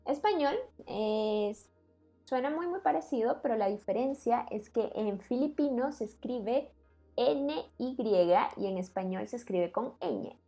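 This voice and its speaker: A woman co-hosts a relaxed podcast, explaining things patiently. She laughs easily. Soft music plays faintly underneath. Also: fairly high pitch, a little slow. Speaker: co-host explaining language. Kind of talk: casual podcast chat.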